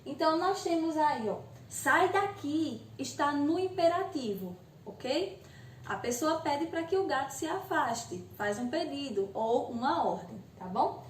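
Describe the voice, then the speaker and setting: A high-pitched, animated woman with a Brazilian Portuguese accent teaches eighth graders in a recorded video lesson, speaking a little slowly. She explains patiently, checks in often with "ok?", and voices her students' questions herself. The room is echoey, she sits a bit far from the mic, and there's slight background noise.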